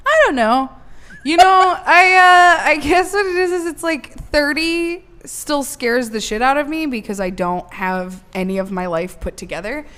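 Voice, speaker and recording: A woman in her late twenties co-hosts a podcast, chatting casually with a teasing, big-sisterly air and swearing freely. Her voice is high and a bit bright, with lively intonation and an unhurried pace.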